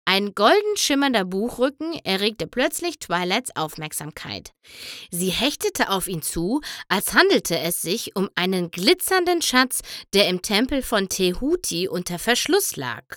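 Slow, expressive female storybook reader with a lively, high-leaning voice. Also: no echo, clean studio sound. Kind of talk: storybook narration.

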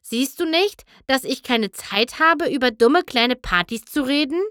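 A woman's voice: high voice, expressive, unhurried, fairly bright tone, dry recording, studio quality, pitched above the performer's own voice. A woman voicing a busy, irritable young female pony in a storybook reading, speaking curtly. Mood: snappish. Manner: curt, snappish, slightly raised voice.

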